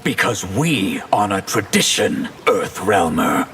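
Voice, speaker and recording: Deep, slow, solemn male mage. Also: sing-song, fairly bright tone, slight background noise, exaggerated voice. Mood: grave. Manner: formal, solemn, ominous. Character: grave, formal male water mage. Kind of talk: fighting game character acting.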